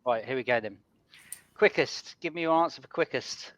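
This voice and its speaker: A man hosting a casual podcast chat, briskly reading out quiz categories and answers. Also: medium pitch, fairly bright tone, muffled recording, a little hiss or hum. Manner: brisk quizmaster, reads out answers and keeps things moving. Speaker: podcast host running a quiz.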